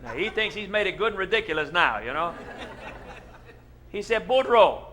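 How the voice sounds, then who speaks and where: A man's voice: sits high, lively intonation, moderate pace, sharp tone, a faint crowd, slight background noise. A man with a Cajun accent telling a humorous story as a comedian, in a folksy, emphatic, repetitive way.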